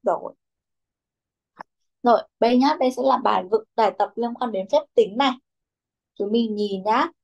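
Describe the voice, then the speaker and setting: Patient woman teacher, fairly high voice. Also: normal speed, creaky, long pauses, a little mellow, lo-fi sound. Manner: patient, calls on pupils by name and repeats their answers; mixes English words into her instructions. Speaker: English teacher. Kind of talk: guiding a children's English class.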